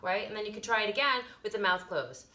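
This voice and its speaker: A middle-aged woman giving casual yoga instruction as a teacher, explaining informally with soft emphasis and little pauses, recorded in a living room by a camera a few feet away. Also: mid-range voice, lively intonation, slight background noise. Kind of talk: casual instructional talk, guided breathing demonstration. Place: carpeted living room, indoors.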